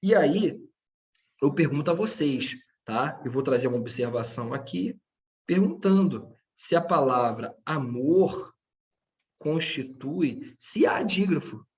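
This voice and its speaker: A man's voice: fairly high pitch, animated, a little slow, darkish tone, highs cut off. A man teaching a grammar lesson, patient and checking in with his students often. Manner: speaks to his students directly.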